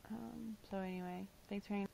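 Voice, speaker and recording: A woman's voice: medium pitch, steady tone, brisk, vocal fry, mellow, slight background noise, poor audio. A young woman casually chatting on her livestream, reading chat aloud and filling her talk with "like" and "um", her voice tired. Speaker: livestream host.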